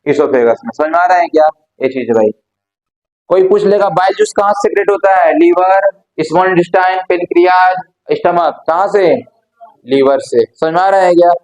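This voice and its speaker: A man's voice: high-pitched, moderate pace, darkish tone, poor audio. A man teaches a class. His lecture is chatty and informal. He keeps throwing questions at the students and answering them himself. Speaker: biology teacher.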